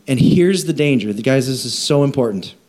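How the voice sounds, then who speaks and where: A man preaching a conversational sermon, animated, with frequent restarts and repeated words. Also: mid-range voice, moderate pace. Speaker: pastor.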